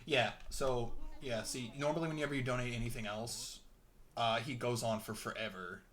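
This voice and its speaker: A man's voice: medium pitch, steady tone, normal speed, a bit bright. A young man giving rambling, chatty let's-play commentary while he plays, chuckling often. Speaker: gameplay commentator.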